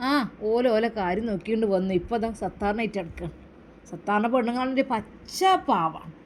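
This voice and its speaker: A woman's voice: mid-range voice, lively intonation, a little fast, a little hiss or hum, natural voice. A woman voicing a gossiping middle-aged village neighbor woman who rambles on with a Malabar Malayalam accent. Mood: marveling. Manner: chattering, nosy, rambling.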